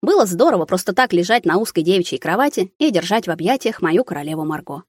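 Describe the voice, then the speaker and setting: A woman reads a novel in first person, measured and steady. Her voice sits on the low side and the recording is close and dry. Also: dry recording. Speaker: audiobook reader. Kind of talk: scripted first-person narration.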